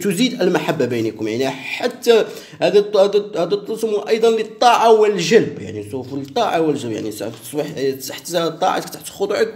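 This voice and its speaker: A man from Morocco, a sheikh, giving slow step-by-step instructions and repeating each phrase as he dictates. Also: a little high, darkish tone. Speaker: sheikh teaching a ritual.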